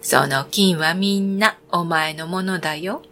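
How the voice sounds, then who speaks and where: A woman doing a low, stern old woman. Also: unhurried, fairly bright tone, slight background noise. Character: stern old fairy-tale woman, weary. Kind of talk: storybook reading.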